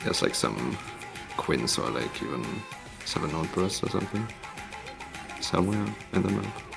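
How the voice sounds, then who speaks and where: A very low, creaky male voice with a cave-like echo from an empty meeting room. He hosts a gaming showcase with casual, informal live commentary, his pitch moving around a lot. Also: sing-song, moderate pace. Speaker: host of a tournament mappool showcase. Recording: echoey empty room, music behind.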